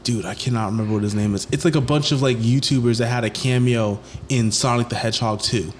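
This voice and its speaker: A man's voice: mid-range voice, steady tone, quick pace, a little hiss or hum. Joking young man, slangy chat. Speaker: podcast co-host. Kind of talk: casual chat.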